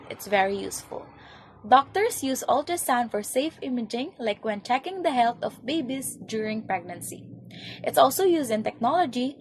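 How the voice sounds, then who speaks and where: Young-sounding woman presenter, animated reading, slightly high voice. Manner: reads points then explains them, occasional slips. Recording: faint background noise.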